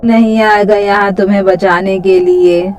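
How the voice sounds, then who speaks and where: A woman's voice: mid-range voice, fairly even intonation, a little slow, a little mellow, a little hiss or hum, close to an everyday voice, low-quality recording. A woman doing a mocking young village thug. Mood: threatening.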